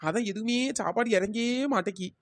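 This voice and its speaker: A woman's voice: medium pitch, a little fast, lightly acted. A woman voicing a cheeky, evasive young daughter-in-law in a cartoon. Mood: pleading. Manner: pleading then muttering backtalk. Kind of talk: cartoon dialogue.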